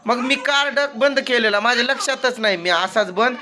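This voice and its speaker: A man's voice: extremely high pitch, moderate pace, sharp tone. A father chatting casually in a family vlog, playful and teasing as he calls out to his children. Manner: playful, teasing, often calling out to the kids.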